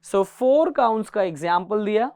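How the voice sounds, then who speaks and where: A man's voice: high voice, lively intonation, normal speed, darkish tone, smooth, no echo, clean studio sound. A man teaching a guitar class, patiently counting beats aloud and mixing English terms into his explanations. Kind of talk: classroom music lesson.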